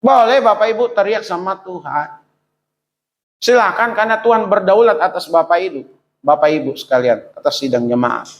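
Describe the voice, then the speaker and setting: A middle-aged man preaching to his congregation in a notably high voice. He leans on rhetorical questions, climbing into high pleading exclamations and then dropping to low, quiet asides. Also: normal speed, muffled recording. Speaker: pastor. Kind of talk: sermon.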